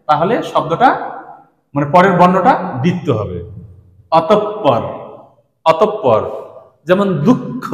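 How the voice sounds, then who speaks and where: High-voiced man teaching in echoey room. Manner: patient, repeats examples slowly, addresses students directly. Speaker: Sanskrit teacher. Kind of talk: classroom grammar lesson. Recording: echoey room with long reverb.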